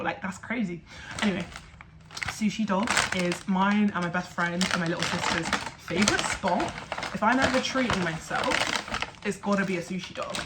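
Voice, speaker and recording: A woman's voice: mid-range voice, noisy background. A young woman chatting casually to camera in a vlog, with lots of filler words. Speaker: vlogger.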